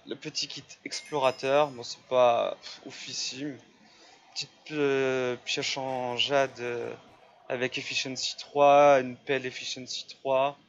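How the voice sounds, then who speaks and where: A man's voice: mid-range voice, dull audio. A man giving casual, step-by-step commentary over his own gameplay, chatty and full of fillers. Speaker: Minecraft server YouTuber.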